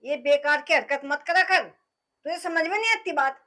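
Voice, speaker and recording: A woman's voice: high voice, lively intonation, normal speed, bright, forceful tone. An actress playing a nagging village mother-in-law with a Haryanvi accent, scolding her son.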